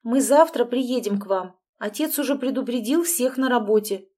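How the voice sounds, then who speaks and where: Woman reading a pushy worried mom, higher voice, nagging and reproachful, audiobook. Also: moderate pace, a little mellow, close to an everyday voice. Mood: insistent. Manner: fussy, pressing, reproachful. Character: worried insistent middle-aged mother. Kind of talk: audiobook dialogue.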